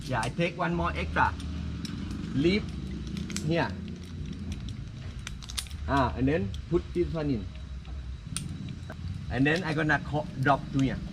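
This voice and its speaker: A man's voice: fairly high pitch, slow, long pauses, noisy background. A man with a Thai accent working as a climbing guide, giving hands-on instruction outdoors in short, fragmented phrases of simple broken English.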